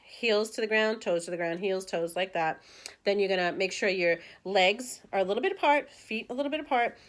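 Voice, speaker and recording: A woman's voice: medium pitch, brisk. A woman teaching beginners to meditate in a casual, chatty way, guiding breathing with counts and cues. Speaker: meditation instructor. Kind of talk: casual spoken meditation lesson.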